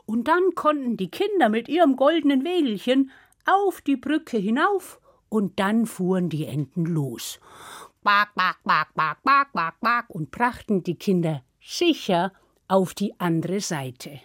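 A woman telling a fairy tale to children in a playful, lively way, acting out voices and sounds. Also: on the high side, unhurried, dry recording, clean studio sound. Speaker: storyteller.

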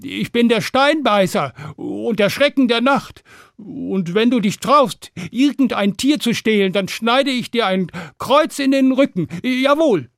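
A man voicing a poor peasant father who stammers and then brags loudly to scare off a dragon, in a children's fairy tale. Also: very high-pitched, expressive, a little slow, vocal fry, no room sound, clean studio sound, voice pushed up, full character voice. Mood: boastful. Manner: blustering, stammering bravado. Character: boastful poor peasant father, bluffing despite fear.

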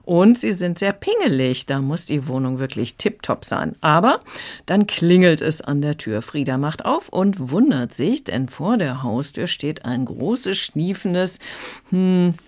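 A woman on radio calmly retelling the plot of a children's book in a chatty way. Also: deep voice, a little slow. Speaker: book critic.

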